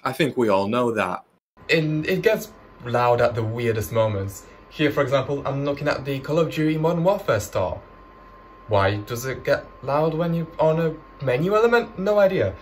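A man's voice: medium pitch, lively intonation, moderate pace, a little hiss or hum. A young adult British man giving a casual, off-the-cuff product demonstration with dry joking asides. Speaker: tech tester. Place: small carpeted bedroom at a computer desk. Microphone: desktop microphone, laptop mic or phone, varying.

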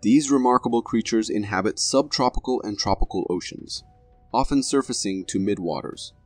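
A man's voice: lowish voice, normal speed, no echo, soft background music. A man reading scripted narration for a video compilation in a dramatic, formal manner.

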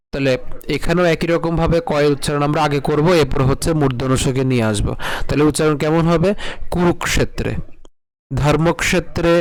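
A man teaching Sanskrit verse pronunciation, chanting lines slowly syllable by syllable and asking and answering his own questions. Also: on the high side, darkish tone. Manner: patient explaining, asks and answers own questions. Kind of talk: step-by-step pronunciation lesson.

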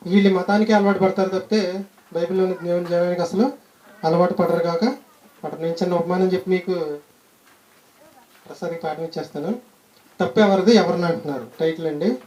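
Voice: medium pitch, fast talker, long pauses, dark tone, slight background noise. A preacher giving a short sermon who tells a story and asks the listeners questions. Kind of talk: sermon with a humorous anecdote. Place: church gathering.

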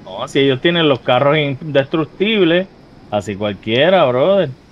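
A man's voice: medium pitch, expressive, measured pace, highs cut off. A man with a Puerto Rican accent chatting casually while playing an online role-play game. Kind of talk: casual gaming chat.

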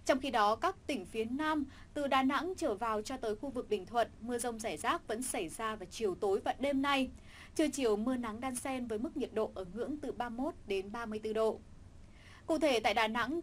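A woman reading a scripted weather forecast in a steady, formal newsreader manner. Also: fairly high pitch, slight background noise.

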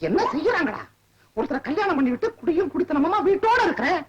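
An actress playing a jealous, sharp-tongued young wife in an old film, scolding and taunting. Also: female voice, high-pitched, big pitch swings, fast, lo-fi sound. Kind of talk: 1970s Tamil film acting.

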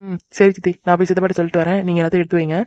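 A woman voicing a caring young married woman in a cartoon, a soft-hearted elder sister who cries easily. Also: lowish voice, level tone, very fast, no room sound, natural voice. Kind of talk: cartoon voice acting. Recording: dry, dull lo-fi recording.

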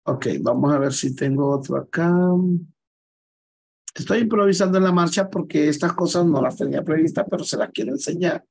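Patient man teaching software, higher voice. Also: a little fast, vocal fry, slightly rough, poor audio. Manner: patient, repeats and checks students follow. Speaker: computer skills teacher. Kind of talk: live online class, explaining screen steps.

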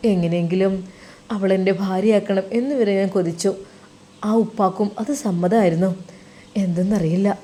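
A woman voicing a heartbroken young male religious teacher who speaks softly in a subdued, sorrowful way. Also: fairly low pitch, lightly acted.

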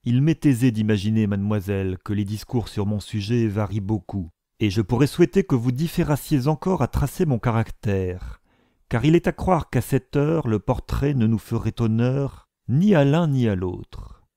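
A man voicing a proud, reserved gentleman who speaks in a serious, firm tone. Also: lowish voice, animated, moderate pace, hardly any pauses, dry recording, clean studio sound.

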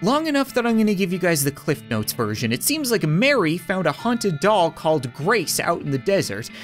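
A man in his thirties giving theatrical game playthrough commentary with wry asides, reading text aloud. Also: a little high. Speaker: gaming video host.

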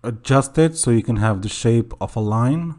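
A young man hosting a software screen tutorial in a casual voice-over, often pausing with "okay" and correcting himself. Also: mid-range voice. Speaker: tutorial host.

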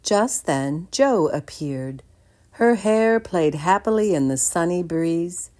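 Slow, expressive woman reading to kids. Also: fairly low pitch. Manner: expressive, asks listeners questions. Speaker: storytime reader. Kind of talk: children's read-aloud narration.

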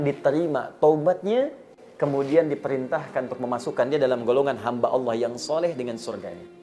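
A middle-aged Islamic preacher delivers a sermon, telling stories with acted-out dialogue and reciting verses. His medium-pitched voice swings between loud emphasis and soft asides.

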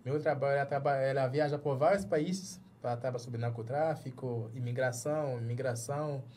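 Medium-pitched and a little mellow, his voice holds a steady tone at normal speed, with a slight hiss or hum. He's a Jamaican journalist in his thirties with a Jamaican accent, guesting in a small padded studio for casual interview talk, and he often restarts words while searching for them in Portuguese.

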